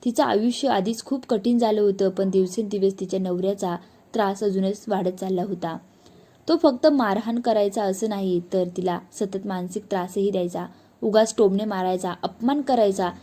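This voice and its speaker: A woman's voice: mid-range voice, normal speed, dark tone. A woman narrating a scripted, sorrowful family story with emotional delivery.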